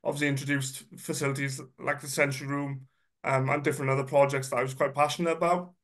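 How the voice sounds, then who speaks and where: Quick-paced and a bit bright, this man's mid-range voice has a flat delivery. He's a guest speaker in his 30s, congested and slightly nasal from a cold, giving a self-deprecating, chatty talk about himself with many ums and uhs.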